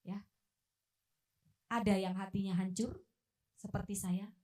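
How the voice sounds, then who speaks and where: A woman preacher delivering a sermon in a church, animated, acting out quoted voices and swinging between loud outbursts and hushed asides. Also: medium pitch, takes it slowly. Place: church hall. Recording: echoey hall from far off.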